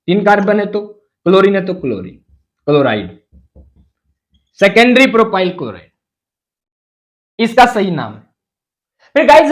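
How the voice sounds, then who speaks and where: A man's voice: very high voice, low-quality recording. A man teaching chemistry as a lecture. He asks the class questions and then answers them himself, and he drops English terms into his explanations.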